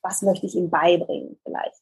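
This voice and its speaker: A woman who works as a voice coach and news presenter, calmly explaining speaking exercises in an interview. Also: fairly low pitch, normal speed, slightly rough, rough recording. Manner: calm, explanatory, demonstrates exercises.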